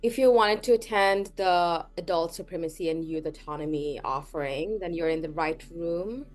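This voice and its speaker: A woman from Bangladesh, leading an online workshop in an earnest, measured way with frequent "um" pauses, heard over a video call. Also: lowish voice, soft background music. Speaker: workshop facilitator.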